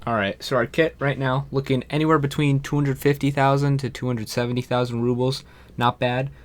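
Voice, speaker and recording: A man's voice: mid-range voice, level tone, a little fast, background noise. A young man casually walking viewers through a shooter game, talking straight to them and calling them "boys". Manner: chatty, calls viewers "boys". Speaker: gaming YouTuber. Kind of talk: casual gameplay tutorial.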